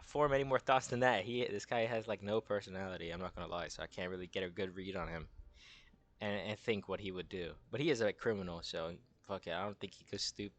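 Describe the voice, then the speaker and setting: A man's voice: deep voice, steady tone, fast talker. A young man hosting a casual gaming tier-list video, rambling in crude slang and losing his train of thought.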